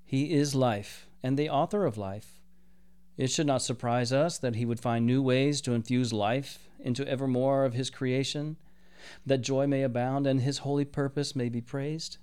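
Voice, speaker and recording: A man voicing a solemn, measured archangel captain who speaks in a formal, archaic way. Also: medium pitch, steady tone, a little mellow, clean tone, lightly acted.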